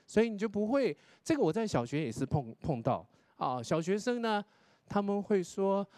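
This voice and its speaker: Animated high-voiced man giving feedback. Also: dry recording. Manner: explanatory, demonstrates English pronunciation, tags sentences with 哈. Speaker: contest judge and English pronunciation lecturer. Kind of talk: spoken critique to contestants.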